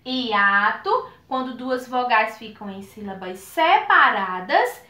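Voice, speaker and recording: In a reverberant recording, a Brazilian woman with a slightly high voice teaches children through a video lesson. Her delivery is a lively classroom sing-song, and she draws out each word she spells at a slow pace.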